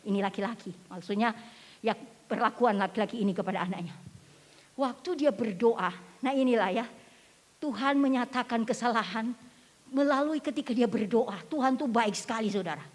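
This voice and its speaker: A woman pastor preaching a sermon, telling a testimony story and asking the congregation questions, moving from quiet storytelling to loud exhortation. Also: on the high side, moderate pace. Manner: addresses the congregation directly with rhetorical questions. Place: church sanctuary. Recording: long church reverb.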